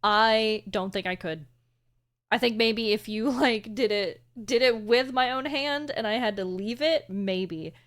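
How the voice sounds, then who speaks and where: A woman's voice: on the high side, measured pace, fairly bright tone. A woman streamer giving casual reaction commentary in a dramatic, squeamish, emotive way.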